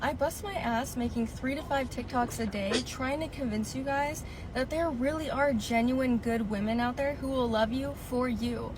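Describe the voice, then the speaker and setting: A woman's voice: high-pitched, moderate pace, hardly any pauses, noisy background. A woman making a sincere, persuasive case in a social media monologue.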